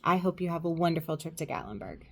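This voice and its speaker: A woman with a somewhat low voice offers travel advice. Her delivery is casual and chatty, as if talking to friends. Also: expressive, quick pace, a bit bright, slight background noise. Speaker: travel vlogger.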